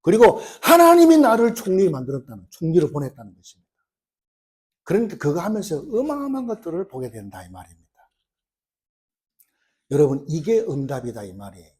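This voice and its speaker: Lively, mellow-voiced male pastor preaching. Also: a little high, a little fast, long pauses, husky. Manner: animated storytelling, acting out quoted lines. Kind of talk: sermon.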